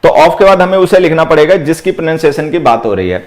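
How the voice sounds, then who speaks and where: Man teaching grammar, slightly high voice. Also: big pitch swings, a little mellow. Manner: explains step by step, repeating key phrases; slows right down to dictate example sentences. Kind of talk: exam-prep grammar lesson.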